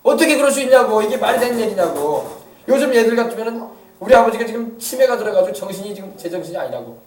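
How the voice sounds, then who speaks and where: A male pastor preaching a lively sermon, drawing responses from the congregation and acting out what people say. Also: high-pitched, quick pace. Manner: animated preaching with call-and-response and acted-out quotes. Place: church sanctuary. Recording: echoey church hall from a distant mic.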